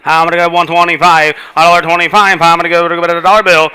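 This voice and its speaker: Fast-chanting auctioneer man. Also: a little high, little pitch movement, pushed and bright, clean tone. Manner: rhythmic rolling bid chant, repeating numbers. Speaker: livestock auctioneer.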